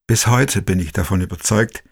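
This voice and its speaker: A man narrating a personal story in the first person, slow, quiet and reflective. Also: low voice, gravelly.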